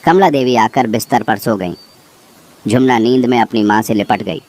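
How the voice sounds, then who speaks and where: The sounds of insects and birds come through clearly as a man narrates a scripted horror story. His pitch is medium, his pace moderate, and his tone leans dark.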